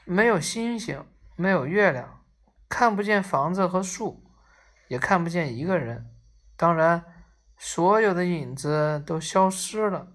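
A woman reading a children's story aloud in a gentle, expressive storytelling manner. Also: on the low side, a little slow.

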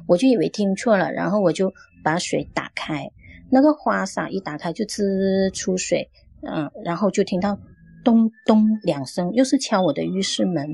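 Husky woman from recounting a ghost encounter. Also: medium pitch, animated, darkish tone, dry recording, clean studio sound. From Guangdong, China. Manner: earnest, halting storytelling. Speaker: caller sharing a story. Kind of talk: first-person ghost story telling.

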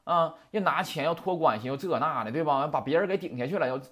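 Animated, fast-talking man teaching, heated rants. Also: fairly high pitch. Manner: chatty, heated, rhetorical questions. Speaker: Japanese language teacher. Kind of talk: casual lecture with rants.

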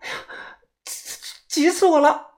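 A man's voice: very high voice, fairly even intonation, measured pace, voice pushed up. A man voicing a flustered, wealthy young woman who stammers anxiously.

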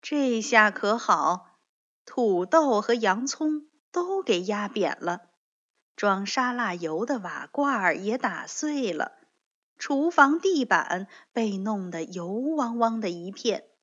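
Slow, lively woman storyteller. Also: medium pitch. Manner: slow, expressive read-aloud. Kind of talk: children's storybook narration. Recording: dull lo-fi recording.

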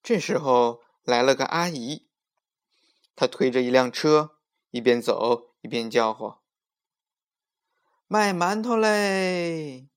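Male storyteller for kids, unhurried, mid pitch, expressive reading. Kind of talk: children's story narration.

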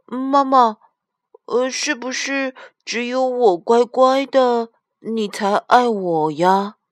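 Storybook casting: a small girl bear cub, high and pleading, slow, dry close sound, a woman putting her on. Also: no room sound. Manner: pleading, questioning.

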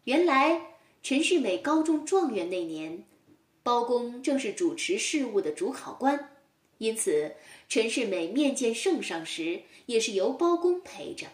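A woman reading a storybook aloud to children, gentle and expressive. Her voice is fairly high and slow, with lots of pitch movement, and sounds roomy and a little away from the mic. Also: distant mic.

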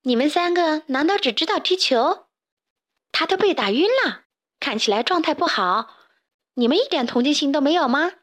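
A woman's voice: sits high, expressive, normal speed, a bit bright, pitched above the performer's own voice. A woman doing a firm, scolding hen. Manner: firm, lecturing.

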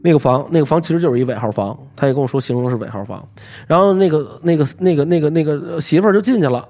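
Fast-talking man telling ghost stories. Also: fairly high pitch. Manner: animated storyteller with lots of verbal fillers. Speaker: podcast host. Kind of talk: ghost story telling in casual chat. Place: small recording room.

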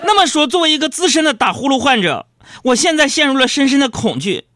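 A man's voice: extremely high pitch, quick pace, no echo, studio quality. A man hosting a radio show, telling comic stories in a playful, bantering way. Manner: storytelling, lively and bantering. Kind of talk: comic monologue.

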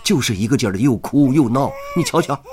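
A man's voice: medium pitch, lively intonation, quick pace, a crowd in the background, close to an everyday voice. An actor playing a kindly older station policeman, flustered and sighing as he coaxes a crying baby in a radio drama. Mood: weary, fretful. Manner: fussing and coaxing, sighing exclamations.

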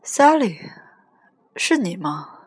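A woman voicing a drunk teenage boy on the phone, slurred, loud and pleading. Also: medium pitch, slow pace, no room sound.

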